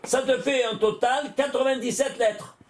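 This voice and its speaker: A man's voice: very high-pitched, steady tone, moderate pace. A rabbi giving a Torah lesson to a class, working through sums aloud and quizzing his listeners with rhetorical questions.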